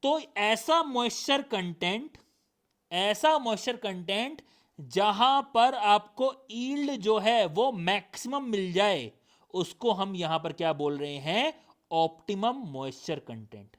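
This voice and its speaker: A man giving a recorded lecture with a sore throat, checking with students through repeated questions and reading definitions aloud slowly. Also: high voice, animated, a bit bright. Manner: drills points with repeated questions. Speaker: teacher.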